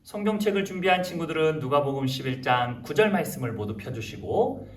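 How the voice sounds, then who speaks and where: A young man, a junior pastor, leading a lively sermon for kindergarten children, coaxing and animated. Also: on the high side, fairly quick. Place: church room. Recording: roomy and distant.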